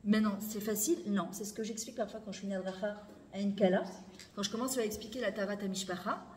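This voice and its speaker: A middle-aged woman giving an animated, emphatic Torah lesson to a room of women, repeating phrases and mixing in Hebrew words. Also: mid-range voice, fast talker. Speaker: Torah teacher. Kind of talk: spoken lesson to a women's audience. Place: lecture hall. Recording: echoey hall, faint background noise.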